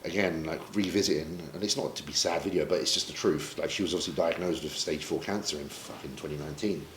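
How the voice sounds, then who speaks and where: A man's voice: a bass voice, fast, fairly bright tone, slight background noise. A man from Britain, a pro bodybuilder, talking candidly and emotionally in a sit-down interview, swearing casually as he reflects. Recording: roomy echo, faint ambience.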